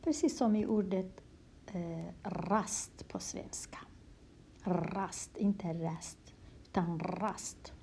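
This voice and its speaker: Soft-spoken woman teaching letters. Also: mid-range voice, a little hiss or hum. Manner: slow, patient, repeats words, often drops to a whisper. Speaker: language teacher. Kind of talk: handwriting lesson in Kurdish letters, explained in Swedish.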